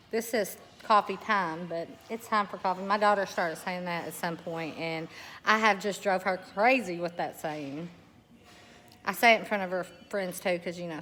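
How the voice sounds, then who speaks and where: A woman's voice: fairly high pitch, fairly bright tone. A woman chatting casually in a rambling vlog, laughing often. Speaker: homesteading vlogger. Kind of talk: casual walk-and-talk vlog.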